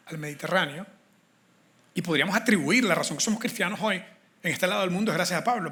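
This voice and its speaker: A man preaching a sermon in an animated, conversational way, acting out scripture quotes. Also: high-pitched.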